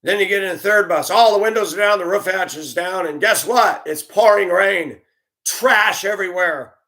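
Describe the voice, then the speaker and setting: Speaking at a normal pace, this man has a high, bright voice with a forceful edge. He once drove a school bus, and he shares his personal story with earnest feeling while airing his frustrations.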